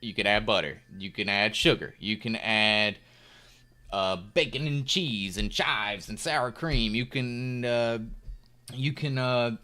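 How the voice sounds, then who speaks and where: On his chess stream, a young man from the US talks in a medium-pitched, bright, forceful voice. The live-stream chat is relaxed and meandering, packed with filler words, and soft music can be heard in the background.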